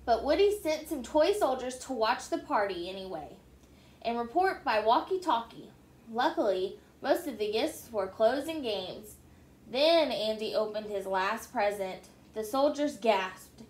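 A woman reading a children's storybook aloud in an expressive, animated way. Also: a little high, unhurried. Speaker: storybook reader. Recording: echoey room.

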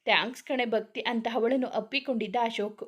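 A woman's voice: a little high, steady tone, brisk. A woman reading a serialized romance story aloud, narrating and speaking the characters' lines in much the same voice.

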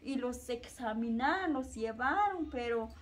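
A young woman telling a personal story in a halting, repetitive way. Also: fairly high pitch, animated. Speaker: interviewee, mother. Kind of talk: personal testimony.

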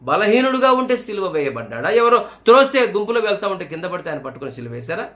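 A man preaching a sermon, earnestly questioning his listeners and slowing down to read scripture aloud. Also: high-pitched, very animated, fairly bright tone.

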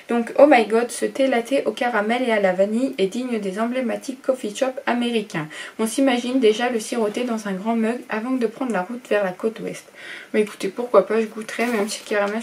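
A woman's voice: a little high, recorded from a distance, a little hiss or hum. A young woman chatting casually through an unboxing, reading product blurbs aloud with lots of fillers and enthusiastic asides. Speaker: unboxing vlogger.

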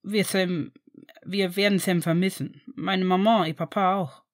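A woman's voice: fairly low pitch, fairly even intonation, measured pace, natural voice. A woman reading a storybook, voicing a Frenchman with a French accent who halts and searches for his words. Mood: kind, halting. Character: hesitant Frenchman, warm fiancé.

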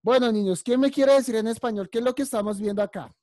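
A woman leads an online preschool English class, calling on children by name and praising each answer. Her voice is mellow and warm, recorded dry and close through a computer mic. She speaks with patient, encouraging warmth. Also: fairly high pitch, fast talker, dry recording. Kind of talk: online class teaching vocabulary.

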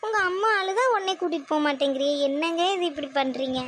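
A woman voicing an impatient young daughter-in-law in a family cartoon, sharp and argumentative. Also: high-pitched, expressive, fast. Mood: arguing.

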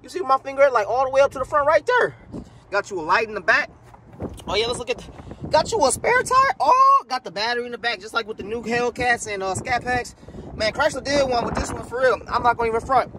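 Standing outdoors beside a parked car, a car vlogger with a very high-pitched, expressive voice talks fast as he films a walkaround on a handheld phone. He's slangy, loose, and profane, speaking straight to his viewers, and wind noise hits the mic.

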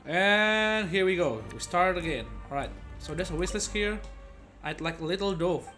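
A young man with a high, expressive voice talks at a moderate pace over loud game music in an indoor room. As a game streamer, he offers casual, rambling gameplay commentary and frequently repeats his words.

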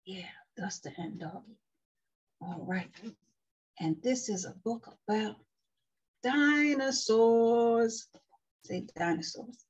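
A woman leading a slow, sing-song circle time lesson for small children, coaxing them to repeat words. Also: lowish voice, darkish tone, husky. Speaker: preschool teacher. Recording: dull lo-fi sound with faint music.

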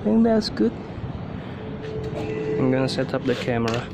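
Speaking in a sing-song, mid-range voice at a moderate pace, a man vlogs casually while doing a task, narrating to himself in brief mutters and exclamations. He's outside on a tiled home balcony, with clear ambient outdoor sound and vehicles passing.

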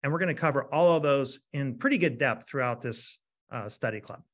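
A man in his fifties, a dentist lecturing in an energetic webinar and often asking the audience a rhetorical "right?". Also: mid-range voice, brisk.

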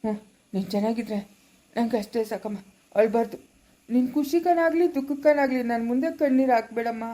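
A woman playing a loving, worried elderly father who soothes his daughter gently and repeats himself in a family skit. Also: fairly high pitch, brisk, lightly acted. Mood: tender. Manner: gentle, soothing, repetitive pleading.

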